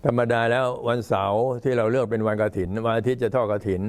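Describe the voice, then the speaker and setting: An old man, a Buddhist monk, giving an informal talk to temple visitors in an unhurried, halting way. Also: medium pitch, fairly even intonation, clean tone. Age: older. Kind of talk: informal talk, recounting temple history and announcements.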